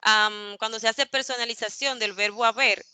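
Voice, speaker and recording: Bright, crisp male lecturer. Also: high-pitched, fairly even intonation, moderate pace, no echo. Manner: explanatory, walks through examples step by step. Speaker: university teacher. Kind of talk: online lecture on linguistics.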